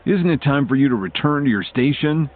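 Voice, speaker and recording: A man's voice: mid-range voice, sing-song, fairly quick, a little hiss or hum, voice pushed up. A man voicing a stern, commanding male hotel security chief who scolds staff, in an audiobook with tinny phone-like audio. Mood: scolding. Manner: brusque, scolding. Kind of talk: audiobook character voice.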